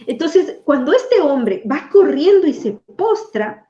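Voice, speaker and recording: A woman preacher teaching from the Bible in a lively, conversational way, asking her audience questions. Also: high voice, takes it slowly, echoey room, highs cut off.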